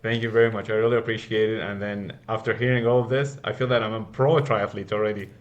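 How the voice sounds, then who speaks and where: Man, podcast guest, earnest, lowish voice, restarts and repeats himself. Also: fairly even intonation, quick pace, muffled recording. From Iraq. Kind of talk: casual interview answers.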